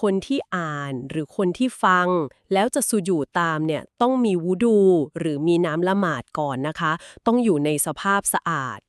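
A woman co-hosting a podcast, calmly and patiently explaining things step by step. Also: lowish voice, normal speed, hardly any pauses, no room sound, studio quality. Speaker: podcast co-host explaining Quran etiquette.

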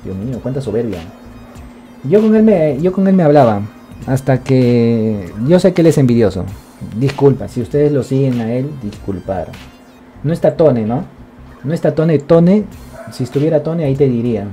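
A male streamer chatting casually on a live stream, excitable, swearing and rambling. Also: medium pitch, normal speed, soft background music.

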